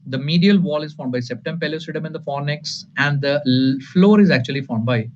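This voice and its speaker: This man, an Indian-accented anatomy lecturer, teaches a live online exam-prep class in a blend of Hindi and English, addressing students as "guys" and "sir." His mid-range voice has a darkish tone, and he repeats points emphatically. Light noise runs through the dull, lo-fi recording.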